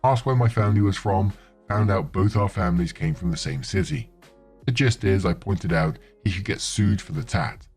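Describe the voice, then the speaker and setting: Over a soft music bed, a male narrator with a very low voice reads online stories at normal speed. His scripted delivery of commenters' posts stays even and conversational, like someone telling a story.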